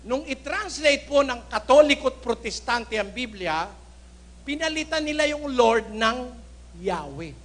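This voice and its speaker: High, bright-voiced Filipino preacher man. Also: expressive, a little slow. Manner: forceful, indignant, rhetorical questions. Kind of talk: Taglish sermon with Bible readings.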